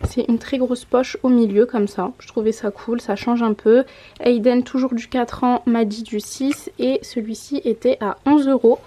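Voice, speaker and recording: Chatty young mom with a mellow voice. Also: female voice, a little high, fairly even intonation, moderate pace. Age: 20s. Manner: chatty, self-correcting, showing items to camera. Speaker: mom vlogger. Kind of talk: casual haul vlog. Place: home room by a window.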